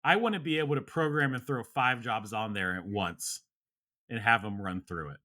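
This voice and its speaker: A man's voice: fairly low pitch, moderate pace, pushed and bright. A man co-hosting a podcast in casual chat, laid-back, laughing often and trailing off with fillers. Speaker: podcast co-host.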